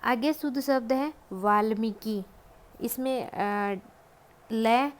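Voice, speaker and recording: A woman giving a Hindi spelling lesson, speaking patiently and deliberately and pausing often to think. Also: fairly high pitch. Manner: patient, deliberate, many drawn-out hesitations. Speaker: Hindi grammar teacher.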